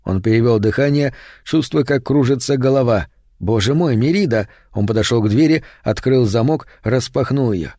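Male audiobook narrator, dark mellow voice, horror reading. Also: medium pitch, dry recording, clean studio sound. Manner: steady, measured storytelling.

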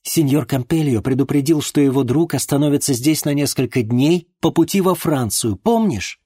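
A man voicing a brisk, energetic young woman nurse with a firm, insistent manner. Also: mid-range voice, husky, no echo, studio quality, voice pushed up, natural voice. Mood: patient.

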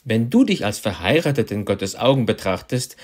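A man interprets a sermon phrase by phrase, following right behind the preacher. His delivery is animated, with pitch moving up and down freely. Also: normal speed. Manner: renders each phrase right after the preacher.

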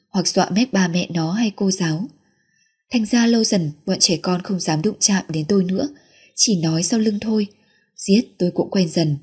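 A woman narrating a romance novel in the first person, in a calm, steady reading voice. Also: lowish voice, breathy edge. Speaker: audiobook narrator.

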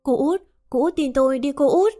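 A woman's voice: high voice, normal speed, warm tone, soft background music, pitched above the performer's own voice, natural voice. A woman voicing a spiteful, jealous young wife who scolds harshly. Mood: desperate. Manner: harsh scolding, then desperate pleading.

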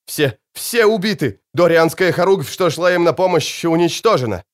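A man voicing a breathless young male messenger, reporting in an urgent, hurried way. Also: on the high side, animated, voice pushed up, lightly acted.

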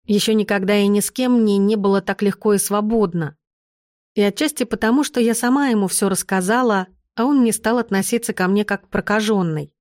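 A woman narrating an audiobook in the first person, in a calm and measured storytelling manner. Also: mid-range voice, no echo, studio quality.

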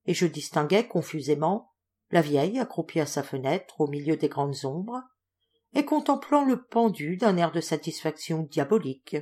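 A woman reading a literary audiobook aloud with expressive, dramatic narration. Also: deep voice. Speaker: audiobook reader.

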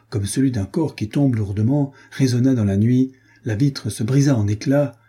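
A man narrating an adventure novel in a steady storytelling delivery. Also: mid-range voice, husky. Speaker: audiobook narrator. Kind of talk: audiobook narration.

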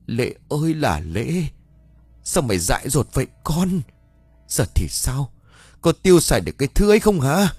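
A man's voice: on the low side, very animated, fairly quick, darkish tone, slightly rough, no room sound, soft background music. A stern, hot-tempered old village sorcerer, as a man puts him on for an audio storybook. He scolds in an exasperated way, and his voice climbs and drops widely. The sound is dry and close. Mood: scolding.

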